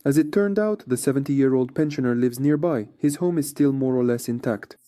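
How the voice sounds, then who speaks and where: A man's voice: mid-range voice, a little fast, mellow, dry recording, clean studio sound. A man narrating a scripted frontline report as a war correspondent.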